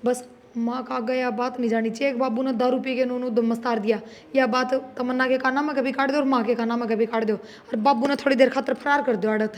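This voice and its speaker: A woman's voice: fairly high pitch, fairly even intonation, brisk, lightly acted. A young woman playing a persuasive, scheming married daughter with a Haryanvi accent, in a comedy drama.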